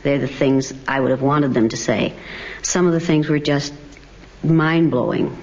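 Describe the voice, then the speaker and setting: A woman's voice: sits low, steady tone, a little slow, darkish tone. A middle-aged woman, a former teacher, leading a reflective group discussion with probing, direct questions. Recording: dull lo-fi documentary audio.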